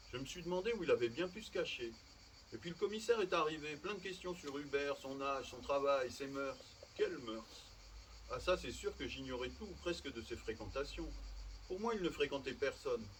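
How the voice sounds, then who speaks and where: A man reads short fiction aloud to an audience at an outdoor evening event, in a measured storytelling way. His voice is mid-pitched and picked up from a distance, with faint insect and night ambience behind it. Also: expressive, fairly bright tone, a little hiss or hum. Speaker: reader. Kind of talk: public literary reading.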